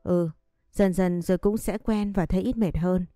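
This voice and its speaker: A woman's voice: on the low side, normal speed, dry recording, clean studio sound, faint music behind, lightly acted. A woman doing a kind middle-aged servant. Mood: kindly. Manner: calm, instructing.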